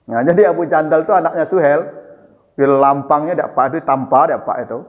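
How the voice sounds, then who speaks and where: A man preaching, telling the story in a lively, chatty way and turning often to his listeners. His voice sits fairly high. The sound rings in a reverberant hall and comes across dull. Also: fairly quick. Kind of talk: storytelling religious lecture.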